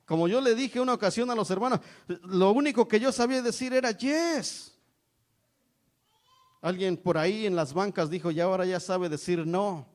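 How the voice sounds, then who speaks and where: A high-pitched middle-aged man from Mexico delivering an evangelical sermon. He preaches emphatically and peppers nearly every phrase with a call to his brothers and sisters. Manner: repeats "hermanos" constantly, emphatic preaching.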